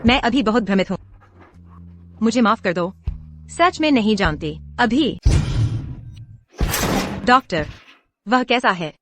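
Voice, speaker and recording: A woman's voice: mid-range voice, expressive, slow, long pauses, a bit bright, no room sound. A woman dubbing a young wife in a drama, speaking earnestly and emotionally over faint music. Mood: confused. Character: young wife torn over her husband. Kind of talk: dubbed drama acting.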